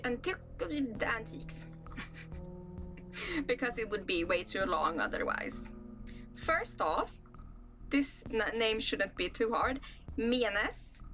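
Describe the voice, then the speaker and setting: Young Swedish-accented woman vlogger, unhurried and slightly high-pitched, musing reader. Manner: rambling, musing asides between read-out passages. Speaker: channel host. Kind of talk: casual reaction vlog, reading aloud.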